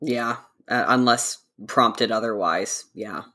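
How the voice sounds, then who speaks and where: A woman playing a tabletop game who gives dry, low-key replies. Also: slow, pushed and bright. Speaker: player.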